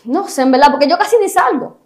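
Woman, high pitch, hesitant, repeats herself, casual interview. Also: animated, fast talker, a little mellow. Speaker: guest.

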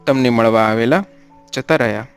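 Audiobook role: man doing a stern, composed holy man, measured counsel, mid pitch, faint music bed. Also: clean tone, close to an everyday voice. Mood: calm. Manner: steady admonishing, then gentle.

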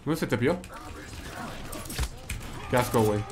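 Over a noisy background, a streamer with a Mexican accent narrates his gameplay live in an expressive, mid-range voice at an unhurried pace. He's chatty, reads and answers messages from chat, and repeats his phrases.

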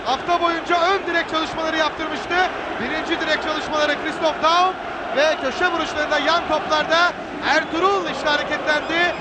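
High-pitched, excited male football commentator. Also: normal speed. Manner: excited, screaming goal calls. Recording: noisy 1990s broadcast, loud stadium crowd. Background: roaring stadium crowd.

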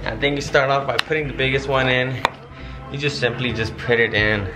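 A young man chats loosely through a product review on an outdoor patio, rambling and laid-back in a mid-range voice. A handheld camera held close picks him up, and music plays clearly underneath. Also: mid-range voice, fairly even intonation, fairly quick. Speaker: vlogger. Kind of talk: casual product review vlog.

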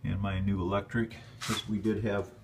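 A man with a very low voice walks through his dark stone basement. He films on a handheld phone and talks in a plainspoken, rambling way. The sound echoes in the basement room, with a faint hum behind him. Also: little pitch movement, normal speed. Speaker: homeowner giving a basement tour. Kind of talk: casual walkthrough narration. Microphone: handheld phone camera.

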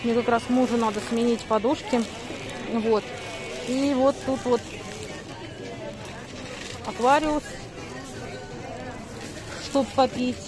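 Middle aged woman doing a casual vlog, highish voice, kinda rambling, thinking out loud. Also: fairly even intonation, slow, long pauses, crowd noise. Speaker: vlogger. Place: on the move: stairwell, parked car, busy supermarket. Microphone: handheld phone at arm's length.

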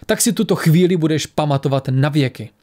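A man reading a calm, menacing warrior woman. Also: a little high, close to an everyday voice. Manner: quiet, slow, cold menace.

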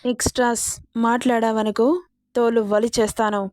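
A woman's voice: on the high side, little pitch movement, normal speed, darkish tone, natural voice. A woman voicing an arrogant, harsh young rich man who taunts and threatens in an audio story. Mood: threatening.

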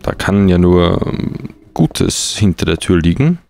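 A man's voice: sits low, big pitch swings, a little slow, creaky, a little mellow. A man doing casual, hesitant let's play commentary on a game with dry irony. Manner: hesitant, dryly ironic. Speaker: let's player.

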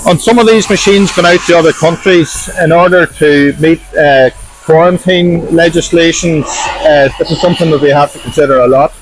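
A middle-aged workshop manager gives a walking tour of a large indoor industrial workshop, explaining things in a plain, practical way. His voice is a little high and moves at a moderate pace. Faint music sits behind him, and the audio is poor.

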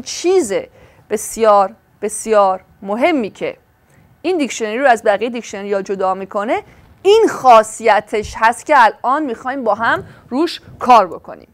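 A woman's voice: a little high, lively intonation. A woman demonstrating a product, explaining each step with frequent filler sounds. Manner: explanatory, walking through steps, many fillers.

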